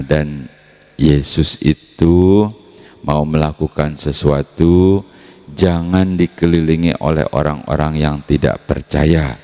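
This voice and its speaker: A man's voice: a bass voice, mellow. A man preaching a casual sermon in church, retelling a gospel story in a chatty way and acting out the dialogue. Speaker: pastor.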